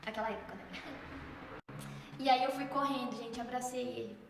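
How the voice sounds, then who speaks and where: A woman giving an emotional faith testimony, talking fast to her viewers and fighting back tears. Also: on the high side, fairly even intonation, gravelly, soft background music. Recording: echoey room with long reverb, faint noise.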